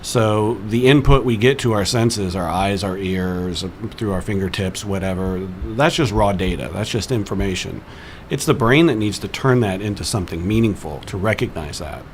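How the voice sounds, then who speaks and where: A man's voice: fairly low pitch, normal speed, a little hiss or hum. A man, a psychology professor, explaining his field as a radio guest in a lecturing way, often restarting words. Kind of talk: explanatory interview talk.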